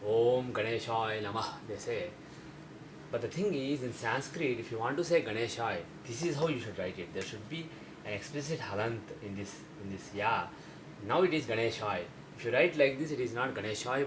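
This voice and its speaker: A man teaching a lesson, explaining carefully and slowing down to sound out example words. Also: mid-range voice, expressive, background noise.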